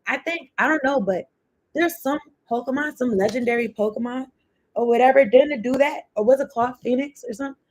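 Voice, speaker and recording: This tarot reader has a high-pitched voice and talks a bit quickly. Her casual reading wanders freely between the cards and whatever comes to mind, and she swears here and there.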